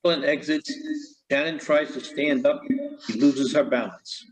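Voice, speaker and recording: A man reading the stage directions aloud in an amateur play, with a plain, even delivery. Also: medium pitch, moderate pace, crowd noise, low-quality recording. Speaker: narrator.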